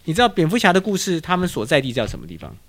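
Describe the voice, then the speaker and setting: Lively Taiwanese-accented male host. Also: on the high side, rapid-fire. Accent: Taiwanese Mandarin. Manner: animated, teacherly, quizzes his guest. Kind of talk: casual show-and-tell chat.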